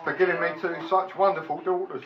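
A middle-aged man gives a prepared wedding speech as father of the bride, halting and self-deprecating. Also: sits high, level tone. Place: large function room at a wedding reception. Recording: echoey room, distant mic, muffled, loud noise.

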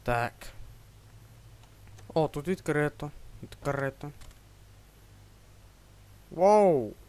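A man's voice: on the high side, lively intonation, drawn-out words, darkish tone. A young man with a Ukrainian accent giving joking commentary while playing a horror game, yelping when startled. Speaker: let's play gamer.

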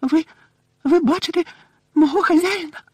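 A man voicing a weepy, loyal female house-elf who talks in a shrill voice with broken grammar in an audiobook. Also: normal speed, darkish tone, no room sound. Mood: shrill upset.

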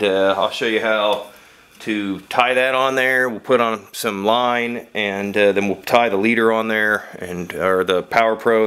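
A man, a fishing captain, giving a casual how-to demonstration alone at a table, talking in a relaxed, rambling way full of fillers and restarts. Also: on the low side. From east central Florida. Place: indoor room at a table, filming alone. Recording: echoey room, faint background hum.

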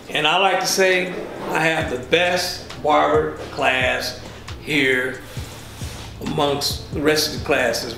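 A man who teaches barbering, talking up his class in a quick, upbeat promotional pitch inside a school studio. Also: gravelly, fairly bright tone. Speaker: barber instructor. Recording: roomy echo, background noise.

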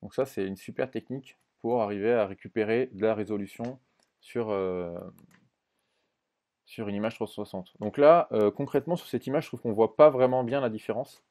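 A man presenting a screen-recorded software tutorial in a casual way, thinking aloud with many fillers and restarts and often checking in with the viewer. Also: lowish voice, normal speed.

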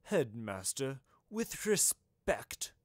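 A man's voice: medium pitch, sing-song, unhurried, no room sound. A man voicing a cold, disdainful male professor who sneers as he speaks. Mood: scornful.

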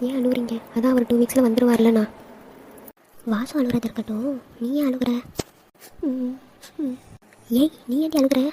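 A lovestruck young woman in a cartoon, voiced by a woman, emotional and playful with her brother. Her voice is slightly high with a mellow, warm tone and a fairly even melody. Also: normal speed, pauses often, a little hiss or hum, natural voice. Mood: pleading. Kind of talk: cartoon dialogue acting.

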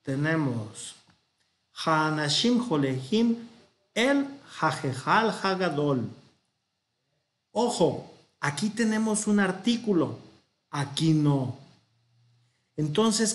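A man with a Mexican Spanish accent talks slowly through a grammar lesson, pausing to think aloud and correct himself. His voice sits fairly high for a man. The room gives it a noticeable echo. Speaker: Hebrew teacher. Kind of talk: slow classroom explanation.

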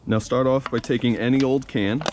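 This young fishing-channel host has a medium-pitched voice and a fairly quick pace, with noise in the background. Relaxed and leaning on fillers like "you know" and "uh," he demonstrates something hands-on at an outdoor workbench.

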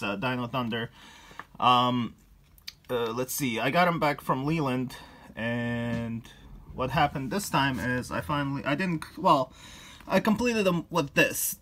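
A man in his thirties wanders through his cluttered collection room, showing off his toy pickups in a casual vlog shot on a handheld phone. He rambles with plenty of ums and uhs and the occasional chuckle, his medium-pitched voice fairly bright.

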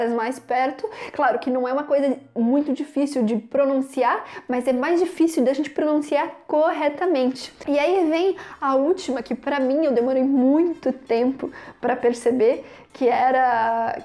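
A young Brazilian woman with a Brazilian Portuguese accent, chatting casually as she teaches French pronunciation. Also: sits high. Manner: chatty, explains with lively examples. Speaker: French teacher, channel host. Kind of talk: casual video lesson.

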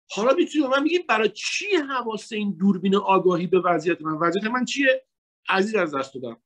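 A man from Iran with a husky voice giving a religious lecture on psychology, emphatic, his tone jumping between loud high points and hushed asides.

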